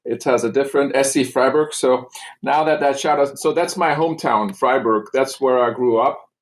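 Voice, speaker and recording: A man from Germany, a doctor talking about himself as a podcast guest, relaxed and full of "uh"s. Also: medium pitch, moderate pace. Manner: relaxed, hesitant with many "uh"s. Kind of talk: casual interview chat.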